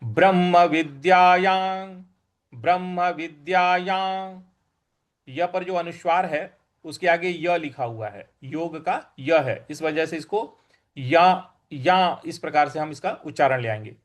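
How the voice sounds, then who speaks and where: A man teaching scripture recitation, slowly and carefully repeating syllables and explaining where to stress them. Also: on the high side, animated. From India. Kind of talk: recitation lesson on pronunciation.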